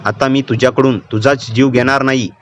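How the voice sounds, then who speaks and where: Speaking fairly quickly over a little hiss or hum, this man has a natural, medium-pitched voice. He plays a young girl taken over by a vengeful female spirit, telling the story with a menacing chill and an unhurried, taunting edge.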